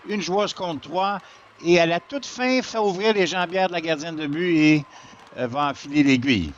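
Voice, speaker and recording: A man's voice: a little high, normal speed, highs cut off, slight background noise. A man giving analysis as a colour commentator in a sports broadcast.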